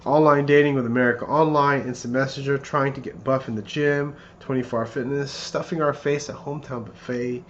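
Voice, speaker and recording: A man in his thirties rehearsing a best man's wedding speech in an earnest, somewhat halting way, often repeating phrases. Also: mid-range voice, fairly even intonation. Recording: muffled lo-fi, clear background noise.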